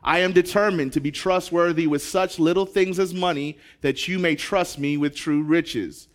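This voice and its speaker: A man's voice: fairly high pitch, fairly even intonation, normal speed. A young adult man from Zambia, a pastor talking energetically to his congregation during a sermon.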